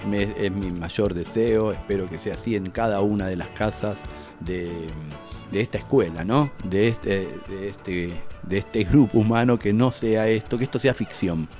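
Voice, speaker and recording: A man's voice: on the low side, normal speed, darkish tone, soft background music. A man with an Argentine accent hosting a school community radio show, talking hesitantly as he introduces segments. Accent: Argentine Spanish. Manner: hesitant, many fillers and restarts while introducing segments.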